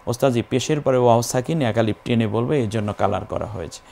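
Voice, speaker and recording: A man's voice: medium pitch, fast talker, gravelly, dark tone. A man teaching Quran recitation, patiently spelling syllables and stretching the vowels as he chants them. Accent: Bangladeshi Bengali.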